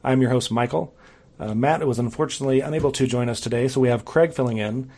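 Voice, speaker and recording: A man in his forties hosting a casual movie podcast, easygoing and quick to laugh. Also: medium pitch, dark tone. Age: 40s. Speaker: podcast host. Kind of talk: casual chat.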